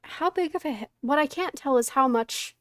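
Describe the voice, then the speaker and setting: A woman's voice: high-pitched, lively intonation, normal speed, no echo. A woman chatting casually on an art live stream, thinking aloud in a mildly flustered, self-deprecating way. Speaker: streamer painting along to a tutorial.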